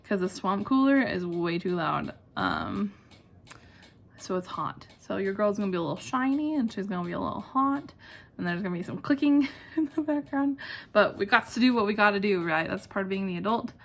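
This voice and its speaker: A woman's voice: medium pitch, expressive, moderate pace, creaky, slight background noise. A young adult woman talking casually and informally to her channel in a self-deprecating, chatty way, with clicking in the background. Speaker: video channel host. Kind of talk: casual one-take vlog chat, answering questions. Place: at home, indoors. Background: clicking ceiling fan, possible neighbors talking outside.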